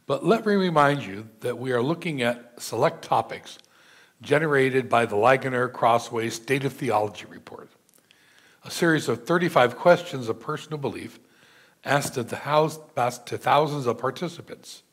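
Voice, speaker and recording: An older man, a pastor, preaching a measured sermon from a church pulpit and reading scripture aloud. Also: mid-range voice, a bit bright, slightly rough. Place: church sanctuary. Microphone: pulpit mic, seen from far camera.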